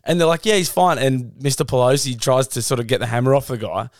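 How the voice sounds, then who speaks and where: A man's voice: mid-range voice, fast, dry recording, studio quality. An Australian man in casual comic banter, using blokey slang, swearing and joking exaggeration.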